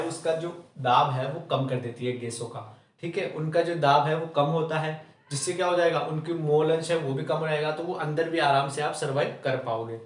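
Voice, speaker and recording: A male chemistry teacher from Rajasthan, giving a classroom lecture, asking rhetorical questions and answering them himself, ending almost every point with "theek hai". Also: a little high. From Rajasthan, India. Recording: roomy echo, mic at a distance.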